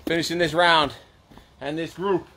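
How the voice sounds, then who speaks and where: A man working as a fitness coach, calling out short, commanding exercise cues like an energetic aerobics instructor, outdoors. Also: on the high side, normal speed. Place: outdoor backyard gym patio. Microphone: camera a few metres away.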